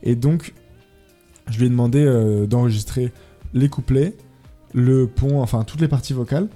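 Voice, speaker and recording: A young man with a deeply dark, mellow voice tells his story hesitantly, stopping often on fillers. Faint music plays behind him. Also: moderate pace. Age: young adult. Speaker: music producer guest. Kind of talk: casual radio interview.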